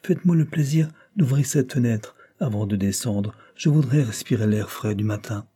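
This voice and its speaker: A man reading aloud voices a sickly, anxious older woman who talks in a hushed, plaintive way. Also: medium pitch, normal speed, husky, lightly acted. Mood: fearful, plaintive. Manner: fearful, plaintive.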